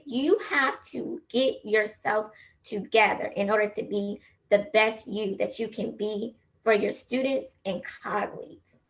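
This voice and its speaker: A woman's voice: a little high, gravelly, fairly bright tone. A woman teacher speaking over a video call, telling a personal story in an earnest, encouraging way. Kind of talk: personal testimony speech.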